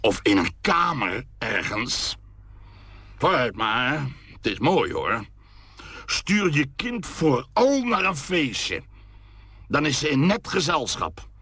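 A man voicing a bitter, jealous middle-aged father with a sarcastic manner that climbs into outraged shouting, in a dramatic story reading. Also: mid-range voice, very animated, slow, husky, no echo, pitched above the performer's own voice, heavily acted.

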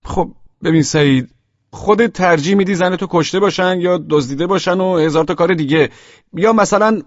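A man's voice: high voice, no room sound, muffled recording, pitched above the performer's own voice, natural voice. A man voicing a blunt, awkward male friend talking on the phone.

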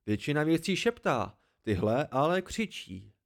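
A man voicing a wise, dryly scornful old hermit in an amateur audiobook reading, slow and emphatic. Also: fairly high pitch, big pitch swings, creaky, voice pushed up. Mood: lecturing.

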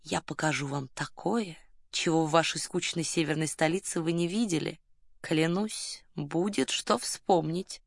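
A woman voicing a pompous, boastful male colonel who flirts in a low, smug murmur, in an audiobook. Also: lively intonation, moderate pace, no echo, studio quality, close to an everyday voice. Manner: smug, lowers voice to a suggestive murmur.

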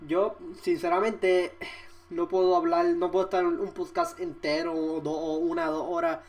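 A man's voice: sits high, animated, moderate pace, a little mellow. A young man with a Puerto Rican accent delivers a casual podcast monologue. He rambles, restarts his sentences and swears freely. His talk is full of fillers as he works through his thoughts. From Puerto Rico. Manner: rambling, profane, full of "este" and "o sea" fillers. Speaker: podcast host.

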